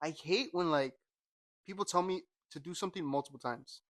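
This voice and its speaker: A young man talking loosely on a podcast, with a bright, forceful tone set a bit high. He swears freely and gets animated as he goes. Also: brisk. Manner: animated, swearing, bursts into sudden yells. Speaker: podcast co-host. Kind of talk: casual chat.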